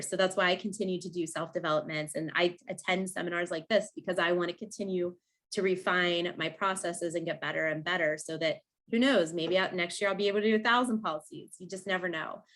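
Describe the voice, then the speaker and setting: A woman in her thirties speaks at a seminar, giving an energetic motivational talk to her peers. Her voice sits a little low, and she talks casually, with plenty of ums and likes.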